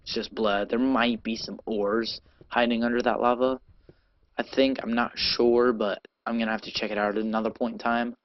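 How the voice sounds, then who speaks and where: A man's voice: mid-range voice, little pitch movement, moderate pace, slight background noise. Rambling man on a dull lo-fi mic. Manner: rambling and chatty, with restarts and sleepy yawns. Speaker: gamer narrating his own gameplay. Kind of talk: casual gameplay commentary. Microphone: cheap amateur mic. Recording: dull lo-fi home recording.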